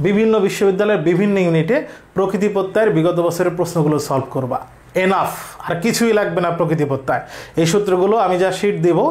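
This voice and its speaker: A man's voice: high voice, darkish tone. A male teacher with a Bangladeshi accent giving an online grammar lesson, asking questions and answering them himself, repeating key points. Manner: repetitive, drilling.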